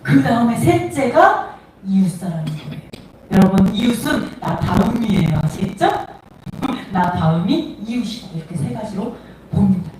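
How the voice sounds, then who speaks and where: A woman with a medium-pitched, darkish voice preaches a sermon at a moderate pace, animated and laughing as she acts out quoted dialogue. She sounds distant in an echoey room with faint noise.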